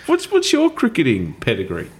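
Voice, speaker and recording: A man's voice: medium pitch, wildly swooping pitch, moderate pace, breathy edge. A man with an Australian accent hosting a casual podcast, bantering and rambling in a jokey way. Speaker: podcast host. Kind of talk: casual chat.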